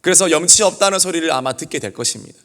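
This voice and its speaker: Male pastor preaching earnest, kinda high voice, big hall reverb behind him. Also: expressive, rapid-fire, a bit bright. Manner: earnest preaching with repeated pleading refrains. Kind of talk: sermon. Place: church sanctuary.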